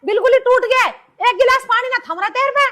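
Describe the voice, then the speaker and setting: An actress playing a sharp-tongued, bossy village mother-in-law who scolds in rural speech. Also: extremely high pitch, fast. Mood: scolding. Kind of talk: rural comedy drama acting.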